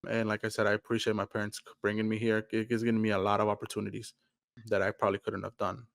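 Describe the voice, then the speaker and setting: A man's voice: on the low side, monotone, fast, vocal fry, dry recording, studio quality. A young man from Mexico, co-hosting a podcast in a loose, rambling casual chat full of fillers. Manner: laid-back, rambling with many fillers. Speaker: podcast co-host.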